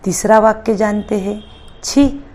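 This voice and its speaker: A woman's voice: medium pitch, expressive, a little mellow. A woman teaching a grammar lesson, explaining step by step and reading out example sentences. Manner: slow, careful, step-by-step explanation.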